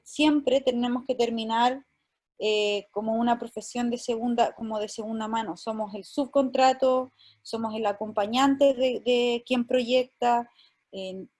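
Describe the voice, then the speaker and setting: A woman's voice: a little high, a little mellow. A woman from Chile moderating an online panel, speaking hesitantly with fillers and restarts.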